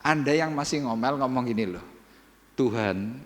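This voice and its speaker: Javanese-accented man preaching in a church hall, animated, quizzes the congregation, mid-pitched voice, long reverb. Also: normal speed. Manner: animated preaching, swinging from soft asides to loud outbursts; questions and teases the congregation. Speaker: pastor. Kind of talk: sermon.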